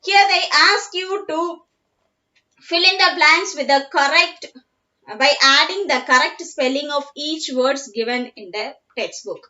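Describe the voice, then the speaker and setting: Malayali woman teacher, very slow, bright high voice, dull lo-fi recording, patient and repetitive. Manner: slow, repeats each word patiently, mixes in Malayalam. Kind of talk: online class lesson. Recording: dull lo-fi sound.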